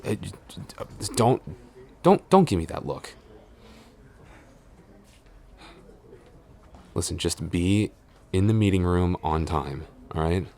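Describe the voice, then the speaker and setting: He speaks with a deep, darkish, expressive voice at a measured pace, sounding exasperated and evasive. The role is a flustered tsundere boyfriend and office supervisor in an intimate audio roleplay, stammering and defensive while scolding.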